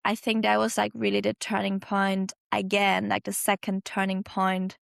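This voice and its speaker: Young woman with a German accent, podcast guest, talkative, slight fry in the voice. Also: mid-range voice, monotone, moderate pace, no room sound, studio quality. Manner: chatty, lots of fillers, laughs easily. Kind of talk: casual interview storytelling.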